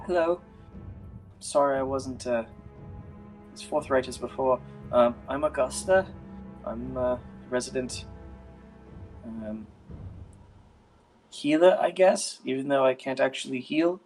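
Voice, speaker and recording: Tentative village healer woman for a fantasy game, played by a man, pitched up, apologetic. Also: darkish tone, soft background music, lightly acted. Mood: hesitant, apologetic. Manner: halting, tentative. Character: hesitant, apologetic female resident healer, unsure of herself.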